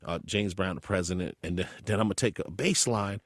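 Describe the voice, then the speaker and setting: A man recounts a story in an interview, his voice climbing high whenever he gets heated. He is emphatic and quotes other people as he goes. The sound is dry and close. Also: fairly quick, dry recording.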